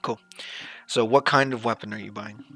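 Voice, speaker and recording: A man acting as game master, narrating and explaining rules in a casual, sweary way with halting descriptions. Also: on the low side, fairly even intonation, fairly bright tone, no room sound.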